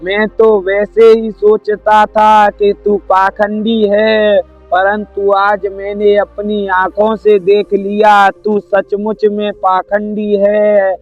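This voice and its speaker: Man reading as a scornful poor beggar, indignant, flat tone, lo-fi. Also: sits high. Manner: indignant, complaining. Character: poor angry male beggar, bitter and scornful. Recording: dull lo-fi with soft music.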